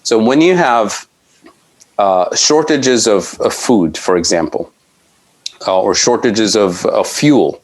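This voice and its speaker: A middle-aged man from Tunisia speaks in a slightly low voice as an economics guest on a podcast. He explains at length in a thoughtful, conversational way. He often restarts phrases and leans on fillers as he builds his points. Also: lively intonation, slow pace.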